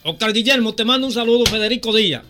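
A man, hoarse from the flu, chatting earnestly on a radio show. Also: high-pitched, quick pace, pushed and bright, soft background music. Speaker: radio guest. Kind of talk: casual radio chat.

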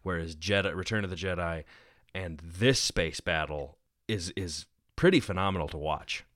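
Low-voiced guy on a pod, eager, laughs a lot, dry close sound. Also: fairly bright tone, dry recording. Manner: enthusiastic, agreeable, quick laughs. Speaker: podcast co-host. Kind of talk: casual discussion.

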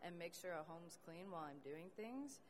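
A woman's voice: lowish voice, animated, normal speed, a little hiss or hum. A young woman, a tile apprentice, speaking earnestly on a panel with many fillers. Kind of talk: casual panel talk.

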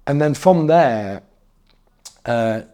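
He's a man in his forties from North East England, and his medium-pitched voice is expressive and dark, stretching words out. As a guest in an easygoing interview, he rambles, corrects himself, and often bursts out laughing.

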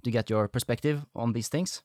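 A man hosts a casual interview podcast. His voice is medium in pitch and recorded dry, with little room sound. He phrases things tentatively and tends to ramble as he sets up his questions. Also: a little fast, darkish tone, no room sound. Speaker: podcast host.

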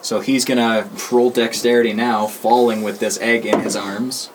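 A man's voice: mid-range voice, level tone, moderate pace. A man narrating a tabletop game as its game master, giving easygoing rulings. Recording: noisy recording.

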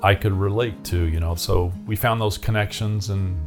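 A man from Arizona with a fairly low voice recalls his past in an easygoing way. He rambles, restarting his sentences and leaning on fillers. A faint guitar plays in the background. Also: fairly even intonation, normal speed. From Arizona, USA. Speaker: interviewee. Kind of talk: casual recollection.

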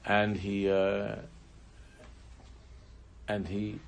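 A man teaching a religious class, telling a story in a halting way, often restarting his sentences. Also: fairly low pitch, monotone, creaky, a little hiss or hum. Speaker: Torah teacher.

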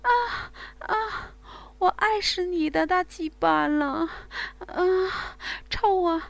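A woman's voice: very high-pitched, extremely slow, vocal fry, no echo, pitched above the performer's own voice, heavily acted. A woman doing a breathless, pleading young lover.

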